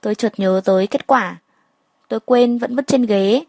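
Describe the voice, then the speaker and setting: A woman storyteller reading a first-person story aloud in a fairly high voice. The sound is dry and close. Her narration is steady and matter-of-fact. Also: moderate pace, gravelly, dry recording.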